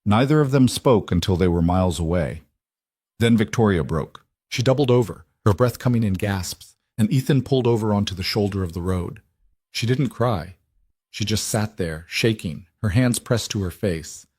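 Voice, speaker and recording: A man narrating a scripted dramatic story in an even, measured way. His voice is low and husky. The recording is dry and close, with no room sound. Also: dry recording.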